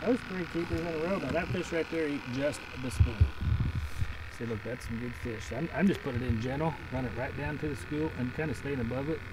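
A man calls out each bite in excited play-by-play, coaxing the fish as he goes. He is recorded outdoors on a lake boat, set back from the mic. Loud croaking frogs and open-air noise fill the background. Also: mid-range voice, brisk, far from the mic. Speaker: fishing guide. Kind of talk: casual on-the-water fishing commentary.

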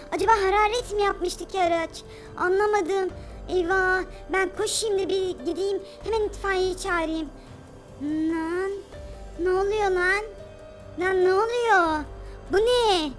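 A woman voicing a brash, tough-talking superhero mother in a comic game role-play, with rough slang and quick repeated bursts. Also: very high-pitched, a bit bright, full character voice. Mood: panicked, then defiant.

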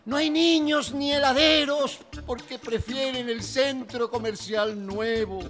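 An actor playing a vain middle-aged poet in a telenovela, declaiming grandly like a hammy stage actor. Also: male voice, very high voice, bright, forceful tone, exaggerated voice. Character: vain, theatrical older male poet declaiming his verse. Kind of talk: telenovela acting, poetry recital.

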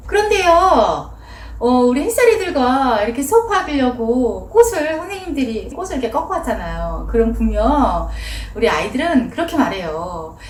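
Lively high-voiced woman teacher, echoey room. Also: normal speed, few pauses, distant mic, slight background noise. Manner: gentle, coaxing teacher tone. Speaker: forest play teacher. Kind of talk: casual instructional talk.

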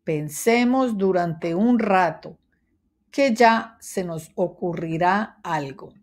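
A woman voicing a big, friendly male dog who speaks calmly and makes suggestions in a children's storybook. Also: fairly low pitch, slow pace. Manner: calm, suggesting tone.

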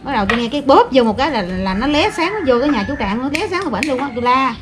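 Middle-aged woman neighbor, quick plainspoken account, slightly high voice, noisy outdoor phone recording. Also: lively intonation, a crowd in the background. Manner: rapid, plainspoken retelling. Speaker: neighbor recounting a fire. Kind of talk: casual spoken account. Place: outdoors in a residential alley.

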